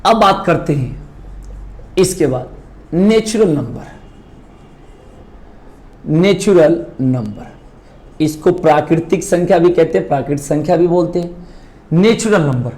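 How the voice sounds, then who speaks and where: A man teaching maths in a coaching class, explaining slowly and asking check questions again and again. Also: a little high, a little mellow. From India. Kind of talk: classroom lesson at a whiteboard.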